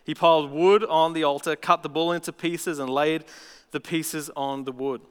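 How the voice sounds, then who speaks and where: Man, pastor, sermon, smooth resonant voice, highish pitch. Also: moderate pace, in a large hall. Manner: animated storytelling with playful asides. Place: church auditorium.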